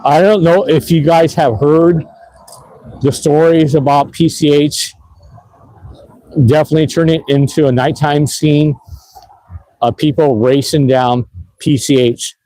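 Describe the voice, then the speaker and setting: An e-bike vlogger narrates a livestream while riding through city streets at night, rambling in a laid-back way with lots of fillers and laughs. His voice is fairly high and dark-toned, with fairly even intonation, a slightly slow pace, and long pauses. The recording is dry and low quality.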